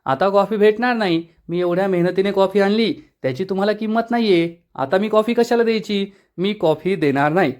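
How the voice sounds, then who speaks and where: A man voicing a lively, stubborn young wife who talks back in rapid-fire retorts. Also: sits high, close to an everyday voice. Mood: defiant.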